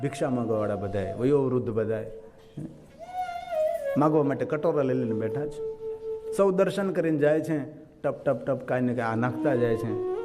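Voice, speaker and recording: A man's voice: mid-range voice, big-room sound. Gujarati man telling a devotional story. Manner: lively storytelling that voices the people in the story. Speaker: kathakar storyteller. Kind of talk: religious katha storytelling.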